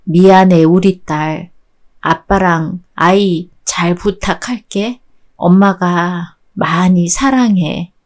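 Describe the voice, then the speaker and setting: A woman voicing a gentle, grieving middle-aged mother who speaks softly and slowly in a radio drama story. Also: fairly low pitch, fairly even intonation, voice pushed down. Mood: tender, sorrowful. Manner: soft, tender, slow farewell words.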